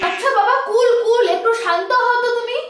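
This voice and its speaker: A woman playing a cheeky young adult daughter who speaks in a high, exasperated voice, recorded in an echoey room. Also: a little fast, music in the background. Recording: echoey room, distant mic, noisy.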